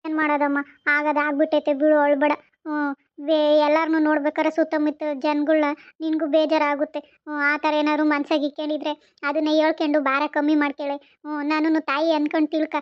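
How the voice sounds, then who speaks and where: A motherly older mother-in-law coaxes in homely village speech, as a woman plays her. The voice sits high and stays level, and the recording is muffled and dull. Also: completely flat delivery, a little fast, no room sound, lightly acted. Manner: coaxing, rustic village speech.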